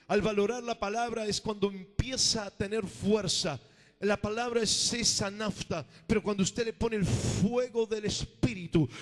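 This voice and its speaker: A high-voiced man preaches a fervent sermon from the pulpit. He pushes lines out loudly, then drops to a near hush, and keeps calling the room for an amen. His voice carries with a long church-hall reverb. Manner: emphatic preaching, calls for amen, swings between loud and hushed. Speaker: pastor. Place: church sanctuary.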